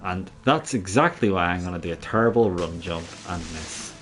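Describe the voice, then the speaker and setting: A man's voice: low-pitched, expressive, normal speed, fairly bright tone. A man giving casual, sweary, joking gameplay commentary to a friend. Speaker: gamer playing through a video game.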